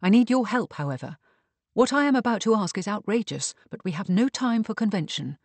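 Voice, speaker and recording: A man's voice: high-pitched, lively intonation, brisk, dry recording, pitched above the performer's own voice. A polite but firm young heroine, read by a man, urgent and composed. She stays close to the reader's own voice. The sound is dry.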